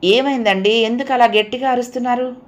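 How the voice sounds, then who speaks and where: A woman voicing a caring wife who soothes her frightened husband, affectionate and reassuring, her voice higher than her narration. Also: fairly even intonation, quick pace, natural voice. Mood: soothing, concerned.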